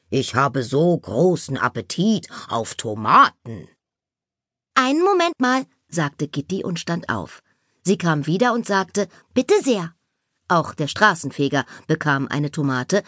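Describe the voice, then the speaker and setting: A woman narrating a children's audiobook with slow, expressive reading. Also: fairly low pitch, slightly rough, dry recording, studio quality.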